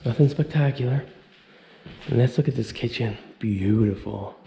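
A man's voice: mid-range voice, moderate pace, creaky. Laid-back man touring an empty house. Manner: easygoing, talks straight to viewers. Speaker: vlogger exploring an abandoned house. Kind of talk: casual walkthrough commentary. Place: empty abandoned house indoors. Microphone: handheld camera mic. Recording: echoey empty rooms, faint noise.

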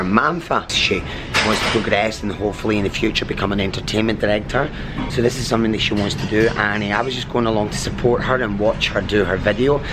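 A man's voice: lowish voice, noisy background. A man talking casually to his vlog viewers in an upbeat, enthusiastic way, like a cruise director.

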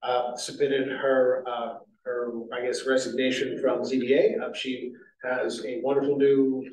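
A man's voice: medium pitch, level tone, a little slow, darkish tone. A man chairing a city zoning board meeting, talking in a rambling way with many fillers and restarts. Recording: echoey meeting room, distant mic.

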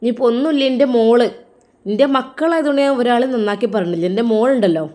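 A woman voicing a serious mother-in-law who delivers a measured warning on a phone call, with a Malappuram Malayalam accent, in an audio drama. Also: a little high, warm tone, natural voice. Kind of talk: audio drama role-play.

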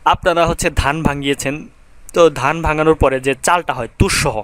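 Fairly high-voiced man teaching grammar. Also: a little fast, a bit bright, no room sound. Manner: conversational, many fillers, repeats phrases, rhythmic recitation. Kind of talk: recorded grammar lecture.

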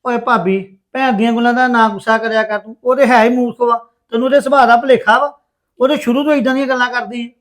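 A man acting a brother-in-law in a family drama, soothing and persuading in a calm way. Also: extremely high pitch, fast talker. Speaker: actor playing the brother-in-law.

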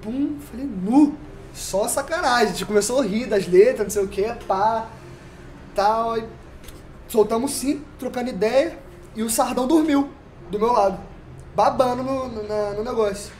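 Animated Brazilian man telling a story. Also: very high-pitched, normal speed, slight background noise. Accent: Brazilian Portuguese. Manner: animated, full of slang and sound effects. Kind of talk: casual podcast storytelling.

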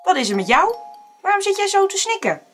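A woman's voice: very high-pitched, very animated, fairly quick, faint music behind, voice pushed up. A woman voicing a flock of small, kindly birds in a storybook reading, chirpy and caring.

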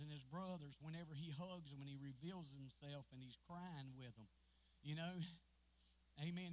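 A man preaching a sermon as pastor, repeating lines and building to shouted fervor. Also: sits high. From West Virginia. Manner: rising to shouted fervor, repetitive. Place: church sanctuary.

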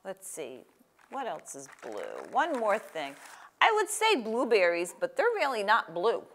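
Her mid-range voice makes huge pitch swings as this older woman, speaking a little slowly in a fairly bright tone, hosts a children's story time and craft. She coaxes a young child along with simple, encouraging questions. Slight background noise comes through the lapel mic in the small room with a table.

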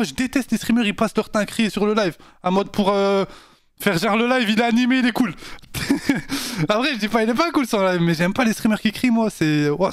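High-voiced, lively male streamer. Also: no room sound, clean studio sound. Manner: animated and slangy, talks straight to his chat. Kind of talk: casual live-stream chat.

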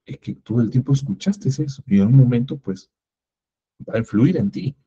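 A man's voice: mid-range voice, normal speed, mellow, slightly rough. A man teaching an entrepreneurship workshop, asking rhetorical questions and acting out little everyday dialogues. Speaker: workshop instructor. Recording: muffled lo-fi recording.

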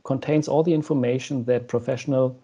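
A man's voice: mid-range voice, fairly even intonation, fairly quick, mellow, breathy edge. A young man, a company co-founder, explaining a product step by step on a video call, with frequent "um" fillers. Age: young adult. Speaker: guest, co-founder of the company discussed. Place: room at home with shelves, indoors. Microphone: wired earphone headset mic.

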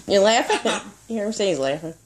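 A woman's voice: on the high side, very noisy. A woman in casual, giggly, sing-song pet talk, repeating phrases, on a handheld phone in a room at home. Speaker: pet owner talking to her parrot.

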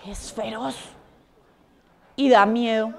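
A woman voicing frightened little chicks in a children's story, squeaky and panicky. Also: steady tone, slow pace, vocal fry. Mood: fearful.

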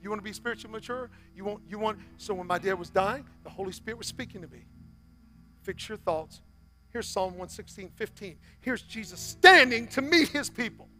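A pastor in his forties preaches from a church stage in a high, expressive voice at a brisk clip. He moves between loud exhortation and soft, almost whispered appeals while faint music plays behind him.

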